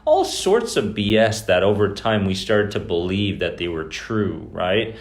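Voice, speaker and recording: Low-voiced man chatting on a live stream. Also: sing-song, unhurried. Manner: loose and conversational, greets viewers by name. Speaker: host of an anxiety recovery live stream. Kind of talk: casual live-stream talk to viewers. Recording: echoey room.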